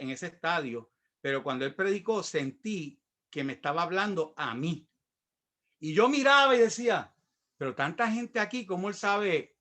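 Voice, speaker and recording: High, bright Puerto Rican pastor. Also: male voice. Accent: Puerto Rican Spanish. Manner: storytelling, acts out quoted voices. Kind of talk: sermon with personal testimony.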